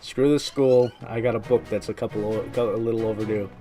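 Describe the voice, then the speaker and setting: A man's voice: on the low side, steady tone, brisk, music in the background. A man giving casual, wry and sweary running commentary on a cartoon he is watching. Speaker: reviewer reacting to a cartoon episode.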